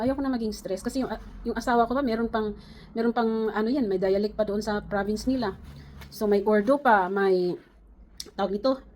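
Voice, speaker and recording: A woman's voice: medium pitch, darkish tone, a little hiss or hum. A middle-aged woman from the Philippines, chatting casually to camera, rambling with many fillers and restarts. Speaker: vlogger.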